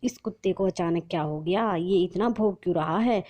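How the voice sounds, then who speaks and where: A woman's voice: on the low side, normal speed, lightly acted. A woman voicing a blind elderly mother-in-law who calls out plaintively in a storybook narration. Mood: puzzled, calling. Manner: calling out loudly, plaintive.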